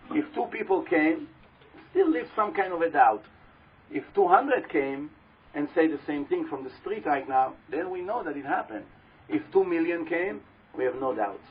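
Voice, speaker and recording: Speaking into a handheld or stand microphone at a live event, a religious teacher gives a talk to his audience in a loud, slightly husky, somewhat high-pitched voice. He tells a long story and repeatedly puts questions to the listeners, and the recording sounds dull and lo-fi.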